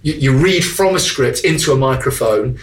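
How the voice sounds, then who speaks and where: A man's voice: medium pitch, lively intonation, moderate pace, recorded from a distance. A man co-hosting a radio show, talking in a loose, self-mocking way. His voice has a roomy, echoey sound, as if he sits a little back from the microphone. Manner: chatty, self-mocking, laughs often. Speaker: radio co-host and actor. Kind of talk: casual radio chat.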